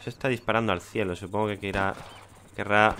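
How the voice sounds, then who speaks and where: A man's voice: on the low side, fairly even intonation, brisk, pushed and bright, a little hiss or hum. A man with a Spanish accent from Spain giving casual, chatty gameplay commentary and thinking aloud.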